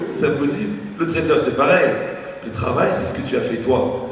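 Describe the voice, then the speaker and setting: A man, a rabbi, giving an animated, joking lecture sprinkled with Hebrew terms. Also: on the high side, moderate pace. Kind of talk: humorous spoken lecture. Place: lecture hall. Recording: echoey hall from far off, faint noise.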